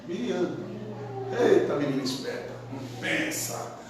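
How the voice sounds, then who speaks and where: Male pastor, lively colloquial storytelling sermon, voice on the high side, distant and very echoey. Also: takes it slowly, background noise. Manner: lively, colloquial, acts out characters. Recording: very echoey hall, from far off.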